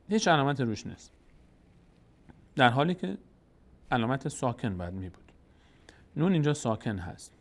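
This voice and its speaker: A man with a Tajik accent teaching Quran reading rules step by step, patient and explanatory, sounding out syllables and repeating key points. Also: medium pitch. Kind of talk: step-by-step tutorial.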